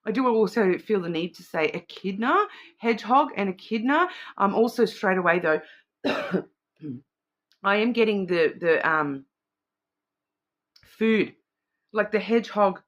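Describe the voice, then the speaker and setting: A woman's voice: medium pitch, unhurried, long pauses, a bit bright, highs cut off. A middle-aged woman giving a casual psychic card reading, thinking aloud in a rambling, intuitive way. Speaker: card reader.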